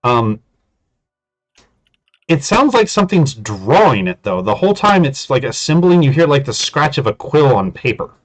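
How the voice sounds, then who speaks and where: A man's voice: medium pitch, sing-song, normal speed, faint music behind. A man casually narrating a tabletop game as game master, in an informal way.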